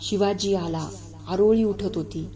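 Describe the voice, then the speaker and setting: Marathi-accented woman reading an old history novel aloud, slow n measured, soft mellow voice. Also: medium pitch. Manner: slow, measured reading that voices rustic guards and villagers in dialogue. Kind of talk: dramatic book reading.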